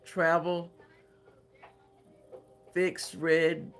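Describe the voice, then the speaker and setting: A man on a craft livestream works through viewer comments at a very slow, easy pace, often pausing and thinking aloud as he answers. His voice sits a little higher than most men's. Soft music plays faintly underneath. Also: monotone. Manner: unhurried, hesitant, thinking aloud between comments.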